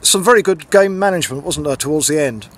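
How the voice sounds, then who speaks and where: A man's voice: a little high, quick pace. A man interviewing a football manager after a match, asking friendly, leading questions outdoors at night. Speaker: club interviewer. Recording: loud outdoor background noise.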